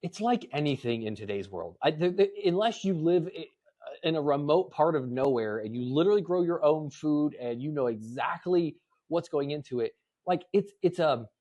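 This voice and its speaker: A man's voice: a little high, lively intonation, normal speed, dark tone, muffled recording. A man hosting a podcast interview, chatting casually and repeating words as he talks. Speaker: podcast host.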